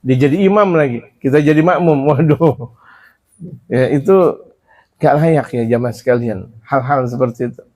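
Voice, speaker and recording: A man preaching on a religious book, switching between Arabic recitation and lively, chatty explanation. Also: mid-range voice, normal speed, long pauses. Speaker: Islamic preacher. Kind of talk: sermon teaching a religious book.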